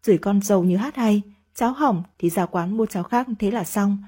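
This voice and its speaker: A woman's voice: mid-range voice, normal speed, mellow, breathy edge. A woman narrating a first-person family story with chatty, gossipy asides.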